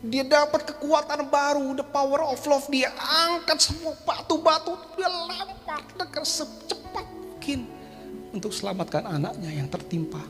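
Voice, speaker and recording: A man's voice: very high-pitched, expressive, moderate pace, fairly bright tone, long reverb tail, faint music behind. A male pastor delivering a sermon, telling a story dramatically and dropping in English phrases.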